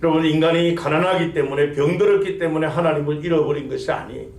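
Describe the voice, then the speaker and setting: A man's voice: on the high side, fast, darkish tone. Preaching man with a raised voice in an echoey sanctuary. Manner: preaching with rising emphasis and rhetorical questions. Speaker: senior pastor. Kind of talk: sermon. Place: church sanctuary.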